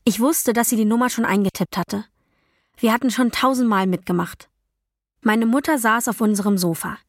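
A woman reading a first-person novel as an audiobook, in a calm, even storytelling voice with quiet dialogue voices. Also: fairly high pitch, normal speed, dry recording, studio quality. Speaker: audiobook narrator. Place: dry recording booth. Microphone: close studio mic.

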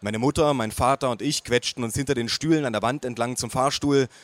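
Calm male audiobook narrator. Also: mid-range voice, fairly quick, no echo. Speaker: audiobook reader. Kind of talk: first-person audiobook narration.

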